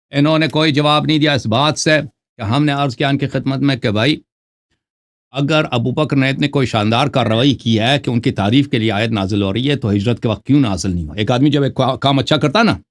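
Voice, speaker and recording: A man in a live debate making a rebuttal, arguing with rhetorical questions and reciting Arabic scripture. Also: medium pitch.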